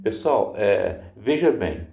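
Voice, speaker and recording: A man's voice: on the low side, expressive, takes it slowly, vocal fry, dark tone. A man teaching a guitar lesson, explaining patiently step by step and singing short lines to show each chord change. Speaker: music teacher. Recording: roomy sound, guitar playing under the voice. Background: acoustic guitar.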